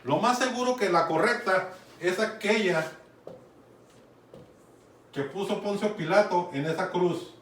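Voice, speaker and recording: A man's voice: high voice, unhurried, pauses often, a bit bright. A man preaching a sermon in a conversational teaching manner, often checking in with his listeners. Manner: conversational teaching, keeps asking "¿sí?" and urging "fíjate bien". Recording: echoey room, mic far off, some noise.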